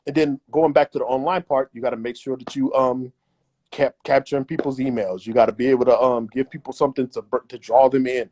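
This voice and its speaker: A man's voice: medium pitch, fairly even intonation, a little fast, a little mellow. A man as an interview guest giving emphatic, repetitive advice in a casual chat. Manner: emphatic and repetitive, acts out imagined voices.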